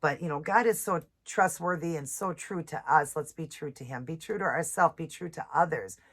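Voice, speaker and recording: Her low voice is stuffed up from a cold but still a touch bright. This nail and devotional vlogger mixes casual chat with devotional reading, taking scripture slowly, chatting freely, and frequently apologizing, all in front of a close camera and ring light.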